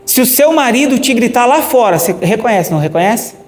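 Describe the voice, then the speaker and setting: A man's voice: very high voice, expressive, fairly quick, soft background music. A man with a Brazilian accent, a pastor preaching a sermon emphatically and asking the congregation questions. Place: church hall. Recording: echoey church hall with long reverb and faint noise.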